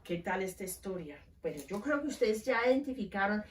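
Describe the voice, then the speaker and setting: A woman's voice: medium pitch, animated, fairly quick, slight background noise. A woman teaching the Bible, reading scripture aloud and asking her listeners rhetorical questions. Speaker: women's ministry Bible teacher. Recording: roomy, distant mic.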